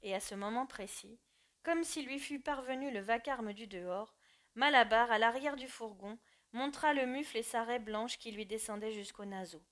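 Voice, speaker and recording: A woman narrating an audiobook. She reads at a measured pace and brings out the drama of the story. Her voice sits slightly high. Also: fairly bright tone.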